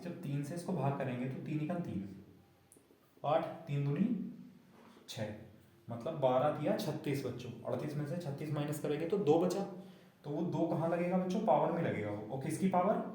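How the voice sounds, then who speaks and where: A man's voice: a little high, moderate pace, dark tone. A man teaching a maths lesson, explaining each step and often asking the class whether they understood. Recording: very echoey room.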